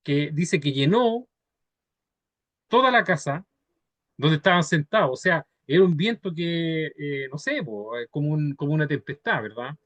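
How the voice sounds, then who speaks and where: A man leads a Bible study, explaining scripture patiently and conversationally and checking in with his listeners as he goes. His voice sits a little high for a man and sounds close and dry, with no room echo. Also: lively intonation, a little slow, fairly bright tone, highs cut off. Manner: ends phrases with checking tags, patient and conversational.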